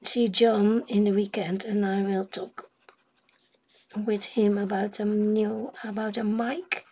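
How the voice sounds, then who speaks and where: A woman chatting casually on a drawing livestream in unhurried, trailing murmurs, with a pencil scratching on paper. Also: medium pitch, flat delivery, mellow, rough recording. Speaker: colouring livestream host. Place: indoors at a drawing desk. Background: pencil scratching on rough paper.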